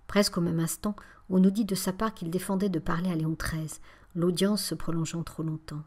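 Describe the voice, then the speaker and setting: A woman narrating a spiritual memoir as an audiobook, in a calm, measured and often breathy reading. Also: lowish voice.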